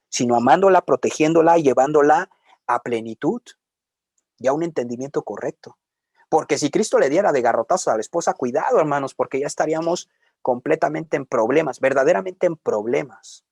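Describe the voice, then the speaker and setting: A man's voice: on the high side, darkish tone, slightly rough, no room sound, clean studio sound. A man with a Mexican Spanish accent preaching a sermon in a conversational way, with joking asides.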